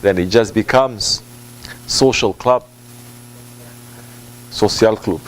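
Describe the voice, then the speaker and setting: In a rough recording with a little hiss or hum, a fairly low-pitched man speaks as a Sufi religious teacher. His informal sermon answers a question with slow, halting phrasing, emphatic repetition, and Arabic and Turkish devotional phrases blended into his English.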